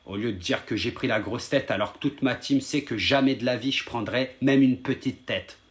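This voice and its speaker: A man streaming live to his viewers in an ordinary mid-pitched voice. He scolds the chat heatedly and repeats himself over and over. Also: moderate pace.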